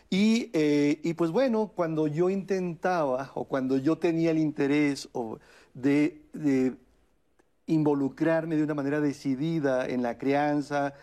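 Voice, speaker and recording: A man speaks in a mellow, warm tone, pitched a little higher than most men. He talks thoughtfully, pausing on fillers and restarting phrases as he explains. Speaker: guest speaker on a family talk show. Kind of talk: conversational explanation.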